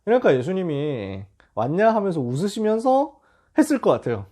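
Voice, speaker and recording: A male pastor giving a casual, animated storytelling sermon to teenagers. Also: fairly high pitch, moderate pace. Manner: casual and animated, acting out scenes.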